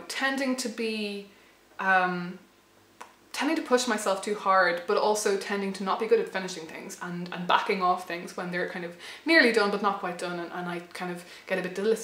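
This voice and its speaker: Reflective young woman, slightly hoarse. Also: medium pitch, brisk, fairly bright tone, echoey room. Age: late 20s to 30. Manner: thoughtful, hesitant, many restarts and fillers. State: losing her voice a little. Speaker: channel host. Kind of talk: reflective personal vlog.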